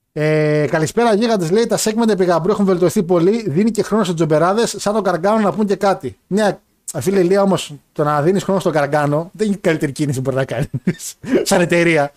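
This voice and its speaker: Casting: young male podcast co-host, slightly higher voice, loose, rambling, laughs easily. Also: darkish tone. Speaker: podcast co-host reading listener messages. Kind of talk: casual banter about wrestling and football.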